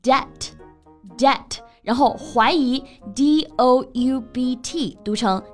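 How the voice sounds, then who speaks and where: A woman co-hosting a casual bilingual English lesson, reading English example sentences slowly and then translating them. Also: high voice, faint music behind. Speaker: co-host of an English lesson podcast.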